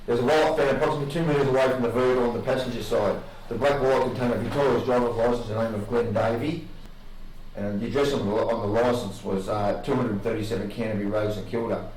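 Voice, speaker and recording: An Australian man questioning someone as a police interviewer, formal in content but halting and informal in delivery. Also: medium pitch, steady tone, darkish tone. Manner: halting, informal, loses his place. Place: indoor interview room. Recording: echoey, distant mic, faint noise.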